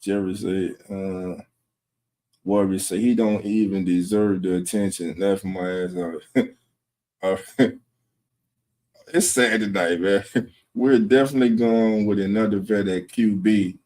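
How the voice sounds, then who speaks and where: A laid-back man hosts a fan livestream, reading the chat and greeting viewers by name. His voice sits on the low side. He takes his time and often chuckles as he talks. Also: fairly even intonation, unhurried, pauses often, warm tone. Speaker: host of a fan sports livestream. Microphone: streaming setup.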